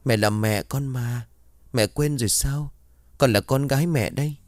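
A man's voice: normal speed, darkish tone, no echo, lightly acted. A man voicing a small vengeful ghost girl in a spoken horror story, in a raised voice. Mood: pleading. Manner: pleading then accusing, higher voice.

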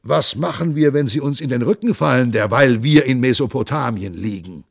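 A man voicing a boastful warlord king who declaims loudly and grandly, with a gravelly voice. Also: mid-range voice, moderate pace, no room sound, studio quality, voice pushed up.

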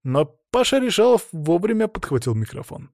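Dry, even male audiobook narrator. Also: high-pitched, fairly quick, no echo. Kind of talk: first-person scripted narration.

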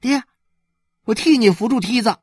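A man voicing a stubborn yet devoted young boy who calls out loudly and quickly, well above his own pitch. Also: sing-song, breathy edge, heavily acted. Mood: eager.

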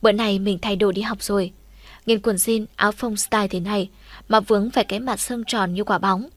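A woman reading a first-person audiobook story in a lively, chatty storytelling manner. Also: medium pitch, brisk, no echo. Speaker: audiobook reader.

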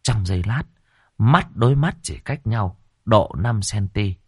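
A man's voice: lowish voice, animated, a little slow, husky, no room sound. A man narrating a comic ghost story in a dramatic, colloquial way.

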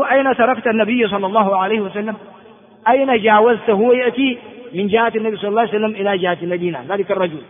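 A man from Ethiopia teaching a religious lesson, reading a text aloud and explaining it phrase by phrase, often repeating himself and filling pauses. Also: high voice. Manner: explanatory, repeats and glosses phrases, frequent filler words. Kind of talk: classroom lecture explaining hadith text. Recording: tinny lo-fi recording with long hall reverb.

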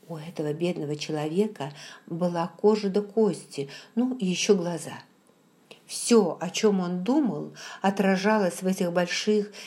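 A woman narrating an audiobook in the first person, with calm, measured storytelling. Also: mid-range voice.

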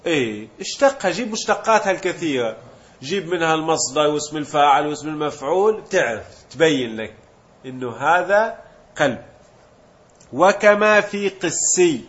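A male teacher walks through a grammar lesson step by step, asking questions and then answering them himself. His voice sits a little high. The recording is dull and lo-fi. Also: animated, moderate pace, fairly bright tone. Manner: mixes colloquial Gulf Arabic with classical terms. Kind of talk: Arabic morphology lesson.

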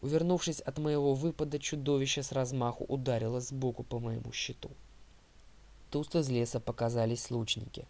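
A man narrating an audiobook in a steady, first-person storytelling manner. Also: mid-range voice, normal speed, gravelly.

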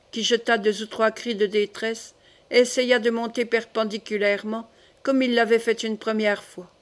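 A woman reading a classic French novel aloud as an audiobook, steady and literary. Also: on the high side. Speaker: audiobook reader. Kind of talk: audiobook narration.

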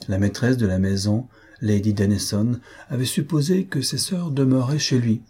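Husky, dark-voiced male narrator. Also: medium pitch, normal speed. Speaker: audiobook narrator. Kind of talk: classic novel reading.

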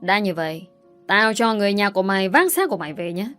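A woman voicing a brutal, hot-tempered young husband who shouts threats in an audio story. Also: medium pitch, animated, fast talker, faint music behind, lightly acted. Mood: savage.

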